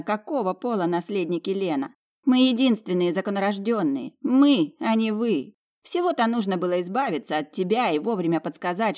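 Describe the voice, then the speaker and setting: A woman's voice: mid-range voice, pitched above the performer's own voice, lightly acted. A woman voicing a spiteful, sneering young noblewoman in an audiobook, taunting her sister.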